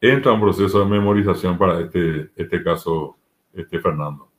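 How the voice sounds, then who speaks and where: A man's voice: deep voice, normal speed. A man with a Paraguayan Spanish accent, a language teacher explaining grammar step by step with spoken examples in an interview.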